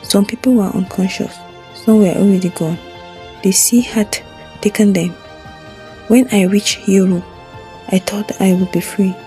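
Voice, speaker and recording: A woman narrating a scripted first-person story in a solemn, measured way. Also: medium pitch, dark tone.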